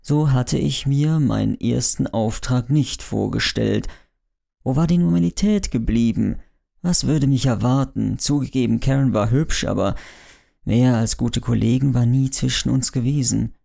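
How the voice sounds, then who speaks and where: Man, thriller audiobook narrator, deep fry in the voice, brooding introspective delivery. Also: unhurried, mellow.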